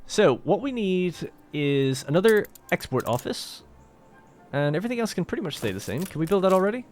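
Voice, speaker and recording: A man's voice: high-pitched, big pitch swings, fairly quick, a little mellow, faint music behind. A man hosting a let's play, talking casually and thinking aloud as he plays a strategy game. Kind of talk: gameplay commentary.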